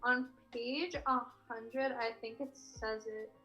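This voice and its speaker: A young woman leading a casual group study chat, blunt and quick to swear, often baffled by the reading. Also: fairly high pitch, steady tone, sharp tone, dull audio, faint music behind. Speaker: student leading a group discussion.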